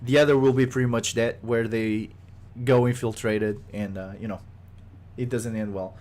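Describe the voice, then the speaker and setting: Game developer, male, medium pitch; rambling, restart-heavy casual podcast talk, exasperated tone. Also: steady tone, moderate pace, a little mellow. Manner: rambling, frequent fillers and restarts; exasperated at rumors.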